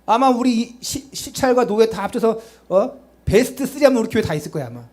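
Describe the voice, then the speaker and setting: A man's voice: extremely high pitch, expressive, fairly quick, darkish tone. A male pastor preaching a sermon, urging the congregation with rhetorical questions and chatty asides to them.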